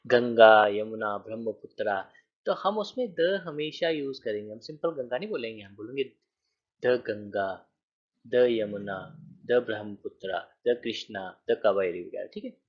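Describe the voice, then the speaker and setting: A man gives a grammar lesson in a husky voice. His pitch moves a lot as he counts through examples and checks that the class follows. The recording sounds dull and lo-fi. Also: expressive, normal speed. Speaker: teacher. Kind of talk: grammar lecture.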